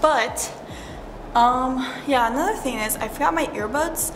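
Music plays in the background while a young woman, speaking at a measured pace in a high-pitched voice, records a day-in-the-life vlog. Using a phone or camera set up nearby, she moves from her dorm room to a small campus gym, rambling with small laughs and plenty of "like" and "yeah."

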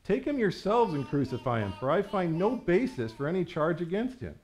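Guy reading as a rattled roman governor, voice pushed up higher, pleading questions at a crowd in a church reading. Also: sing-song, brisk, a little mellow.

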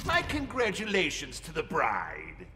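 A gleeful, sadistic clown villain, high for a man and extremely animated. He drawls his teasing, theatrical taunts slowly in a video game, over loud noise. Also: loud music behind the voice. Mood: mocking. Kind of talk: video game character dialogue.

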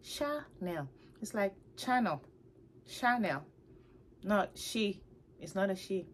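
A woman vlogging from her home, chatting casually to camera about her handbags in an animated, playful way. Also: mid-range voice, slow, slight background noise. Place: her home, upstairs room.

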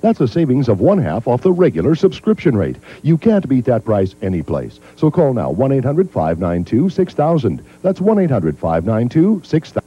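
A man giving an insistent home-shopping-host style sales pitch, repeating numbers and offers as a TV ad announcer. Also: huge pitch swings, normal speed, hardly any pauses, mellow, a little hiss or hum. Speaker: direct-response TV ad announcer. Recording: dull lo-fi 1980s TV tape.

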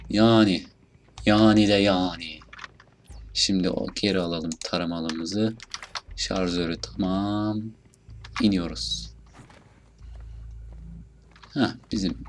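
A young man with a Turkish accent casually commentating his gameplay, muttering, swearing at enemies and bursting out loudly now and then. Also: low voice, slight background noise. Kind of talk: casual let's play commentary.

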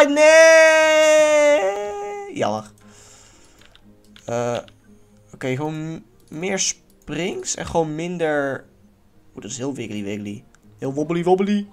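A man giving casual let's-play commentary in a lively way, swearing now and then and yelling at near misses. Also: medium pitch. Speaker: gaming YouTuber.

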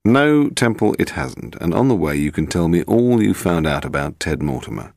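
A man's voice: low voice, big pitch swings, moderate pace, darkish tone, dry recording, clean studio sound, full character voice. A man reading an audiobook voicing a curt, suspicious man.

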